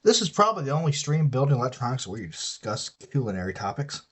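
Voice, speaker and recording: A man's voice: mid-range voice, big pitch swings, fast talker, breathy edge. A man with a Southern US accent chatting casually and swearing freely while he builds an electronics kit on a live stream.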